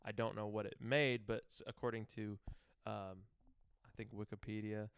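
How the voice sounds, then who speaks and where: A man's voice: on the low side, flat delivery, normal speed, gravelly, clean tone. A young man co-hosting a podcast, talking loosely about a movie with lots of fillers and easy laughs. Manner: rambling, filler-heavy, laughs easily. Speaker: podcast co-host. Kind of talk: casual chat.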